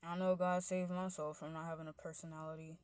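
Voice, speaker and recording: This woman's deep, smooth voice keeps a level tone at a quick pace as she rambles casually, her loudness and pitch wandering. "Like" and "you know" fill out every phrase.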